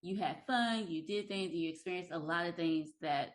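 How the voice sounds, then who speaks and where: A woman's voice: lowish voice, normal speed. Upbeat woman podcast host. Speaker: podcast host and relationship coach.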